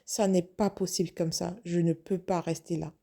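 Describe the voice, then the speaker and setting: A woman's voice: fairly low pitch, level tone, normal speed, gravelly, warm tone. A woman acting out a young, lovestruck waitress who panics and keeps questioning herself. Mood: sad. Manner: breathless, flustered self-questioning. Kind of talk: first-person story acting.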